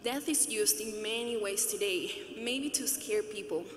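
A woman's voice: mid-range voice, unhurried, slight background noise. Woman, twenties, from Venezuela, graduation speech, podium mic, echoey arena. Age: 20s. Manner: earnest, conversational, lightly humorous. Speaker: student commencement speaker. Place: large arena stage, at a podium. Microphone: podium microphone. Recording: echoey arena with long reverb.

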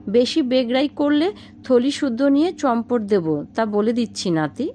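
A woman voicing a greedy, bossy old ghost of a village man in a spoken ghost story, in a high, wheedling tone. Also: lively intonation, normal speed, warm tone, soft background music, close to an everyday voice. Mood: demanding.

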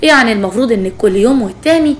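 A woman voicing a gentle young bride with an Egyptian Arabic accent who complains earnestly, in a spoken story. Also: fairly high pitch, animated, rapid-fire, slight background noise, lightly acted. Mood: friendly.

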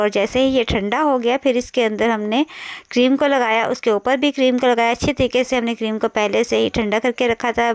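A woman's voice: fairly high pitch, smooth. A woman narrating a home cooking video, patiently explaining each step and repeating instructions. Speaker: cooking vlogger. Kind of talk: recipe voice-over narration.

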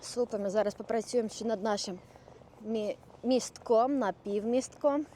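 A woman leads a yoga class, counting breaths and guiding each pose with calm, step-by-step cues. Her voice sits fairly high but has a mellow, dark tone. Faint outdoor noise hums behind her. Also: normal speed. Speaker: yoga instructor.

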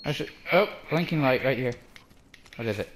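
A man's voice: mid-range voice, lively intonation, normal speed, a little hiss or hum. A young man chatting casually as he plays a co-op video game with a friend. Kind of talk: casual co-op gameplay chat. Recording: faint game ambience behind.

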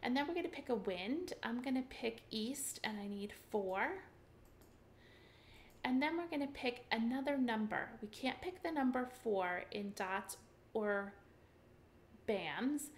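Teaching mahjong over a webcam screen-share, a middle-aged woman explains each step in a chatty, upbeat manner, often saying um. She sounds animated and on the high side, keeping a measured pace. A little hiss or hum sits under the audio.

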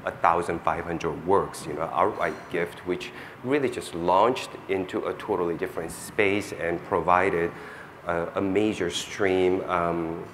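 A man speaking on a panel before an audience, measured and explanatory. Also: low-pitched, fairly even intonation, fairly bright tone, a little hiss or hum. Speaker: museum chief curator on a panel. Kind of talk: panel discussion.

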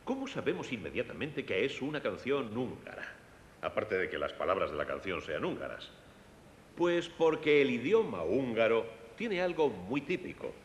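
His pitch swings widely at a normal speed, with a lightly acted delivery. This Castilian-accented man dubs a children's concert lecture about music, speaking directly to young listeners in a teaching style, recorded in an echoey hall with long reverb and faint rumble.

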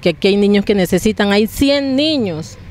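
A woman speaks into a handheld mic outdoors. She pleads in a halting way, stopping and restarting. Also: mid-range voice, lively intonation, a little mellow. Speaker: displaced woman interviewed. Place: outdoors on open field. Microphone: handheld reporter mic.

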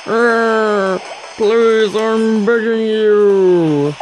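A woman's voice: a little high, steady tone, darkish tone, faint music behind, pitched above the performer's own voice. A woman voicing a cowardly, apologetic male genie from a video game, in a pleading manner. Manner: slow, pleading. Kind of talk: reading game dialogue in character.

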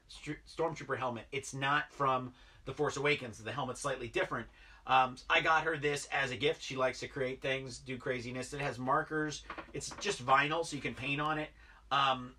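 Unboxing toys down in his basement, a toy-collecting vlogger in his thirties chats away with lots of fillers, clearly excited about his finds. His medium-pitched voice is bright and forceful and moves fairly quickly. He's picked up on a distant mic indoors.

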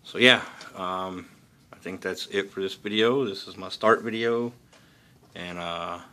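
A man with a low, bright voice talks. He sounds like a hobbyist hosting his own casual vlog, with plain hillbilly phrasing. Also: unhurried. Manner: folksy hillbilly talk. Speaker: hobbyist host of model-building videos. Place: indoors at a hobby workbench.

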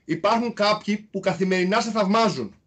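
A man from Greece talks through his past in a relaxed interview, his voice pitched noticeably high. He tells it in an animated way, leaning on small repeated fillers. He comes across as a former player recounting his own road. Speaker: guest, former basketball player. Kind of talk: casual interview storytelling.

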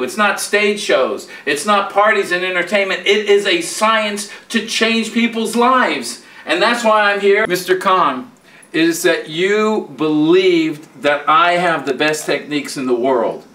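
A man's voice: high-pitched, unhurried, sharp tone, far from the mic. A man in his fifties speaking emphatically and repetitively to camera as a hypnotist promoting his training. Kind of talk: promotional talk to camera and live demonstration. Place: hotel room and airport, indoors. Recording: roomy echoing camera sound.

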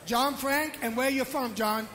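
A man's voice: very high voice, unhurried, a little hiss or hum. A man from the United States presenting a live hairstyling demonstration on a trade show stage, explaining steps in upbeat patter to the crowd. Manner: upbeat instructive patter to the audience. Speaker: hair stylist demonstrator, presenter. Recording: loud background music over PA.

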